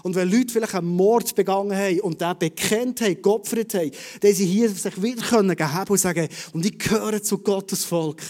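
Animated Swiss German preacher, high-pitched. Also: male voice, a little fast, hardly any pauses. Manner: animated, swinging between loud and hushed. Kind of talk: conversational sermon. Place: church service.

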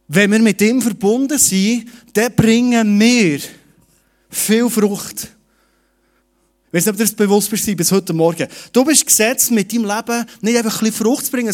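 A middle-aged man preaching a sermon in a lively, direct way, speaking to each listener personally. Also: high voice. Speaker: pastor.

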